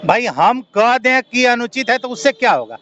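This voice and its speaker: A former government officer turned social activist from Bihar, India, argues his point with rhetorical questions as an interviewee, speaking spontaneously in a Bihari accent. His very high voice swings widely in pitch at a moderate pace and sounds sharp, with lo-fi audio and soft background music.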